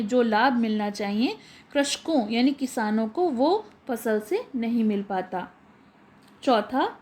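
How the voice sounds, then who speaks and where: A woman's voice: on the high side, darkish tone. A woman teacher reading out textbook answers as numbered points, restating each in simpler words.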